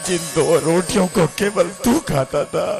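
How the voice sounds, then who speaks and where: A man playing a stern uncle mourning his sister, who speaks low and heavy and rebukes the son with slow, gravelly force. Loud stage music plays behind him. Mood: reproachful. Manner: lower, accusing, bursts into shouts. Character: stern grieving uncle accusing his nephew. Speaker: stage actor. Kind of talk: stage melodrama.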